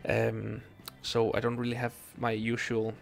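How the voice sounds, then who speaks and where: Halting Danish man streaming a game. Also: medium pitch, gravelly. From Denmark. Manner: relaxed, halting, lots of ums and restarts. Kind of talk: live game stream, chatting with viewers. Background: faint game music.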